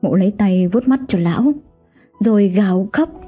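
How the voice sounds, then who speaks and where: A woman's voice: mid-range voice, moderate pace, mellow, slightly rough. A woman host giving scripted, dramatic narration of a ghost story. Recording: dull lo-fi audio with faint music.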